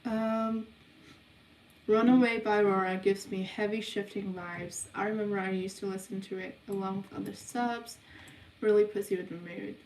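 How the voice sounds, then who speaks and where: A young woman from New hosts a casual livestream Q&A, reading viewers' questions aloud and answering in an unhurried, hesitant way with lots of ums. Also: medium pitch, steady tone, a little mellow, distant mic, slight background noise. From New Zealand. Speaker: livestream host of a subliminal channel. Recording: roomy sound, voice away from the mic.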